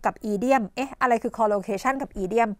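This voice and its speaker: High-pitched Thai woman tutoring, coughing. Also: unhurried, dry recording, clean studio sound. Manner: explains idioms with many "นะคะ" fillers and rhetorical questions; coughs and clears her throat often. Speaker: English teacher. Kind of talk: televised tutoring lesson.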